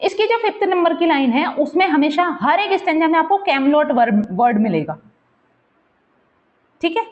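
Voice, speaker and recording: Woman teacher going over a poem line by line, high voice, kinda dull lo-fi audio. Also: lively intonation, moderate pace, a little mellow. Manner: explains step by step, checks in with "ठीक है" often; mixes English terms into Hindi explanation. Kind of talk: exam-prep literature lesson.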